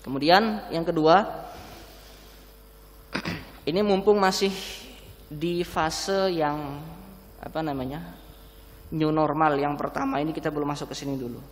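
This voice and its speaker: A man delivers an Islamic sermon through a face mask, a little short of breath. His voice sits on the high side and rings with long hall reverb. He explains points conversationally, posing questions to his listeners. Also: steady tone, measured pace, long pauses. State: slightly breathless. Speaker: preacher. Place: large mosque hall, indoors.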